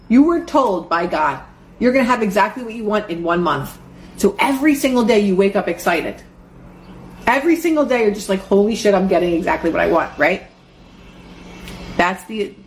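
A woman hosting a casual motivational talk, animated and swearing, acting out her own excited inner voice. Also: mid-range voice. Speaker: host. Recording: echoey room with faint noise.

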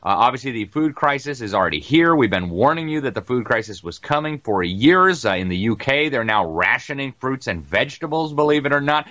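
A man hosting a talk show, delivering rapid, emphatic news commentary and ad reads with many "uh" fillers, calling his listeners "folks.". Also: mid-range voice, lively intonation, pushed and bright, no room sound. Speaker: show host. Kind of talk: fast-talking news commentary and ad read.

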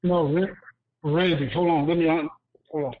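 A man's voice: fairly high pitch, steady tone, moderate pace. A man calling in to a radio show through a muffled Bluetooth headset that sounds as if he is in a tunnel or underwater. He talks briefly and insistently, repeating himself to be heard. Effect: muffled Bluetooth headset on a phone call, sounding like a tunnel or underwater. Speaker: caller. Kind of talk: call-in to a talk radio show. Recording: dull, dry phone-line sound.

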